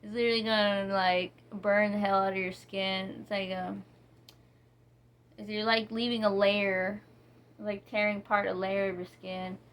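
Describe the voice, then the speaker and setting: A woman talks through a soap review in a loose, casual way. She reads ingredient names slowly and wanders between thoughts, stopping and restarting often. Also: mid-range voice, level tone, fairly bright tone. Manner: rambling, reading ingredients slowly, with many fillers and restarts. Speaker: vlogger reviewing soaps. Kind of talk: casual product review chat.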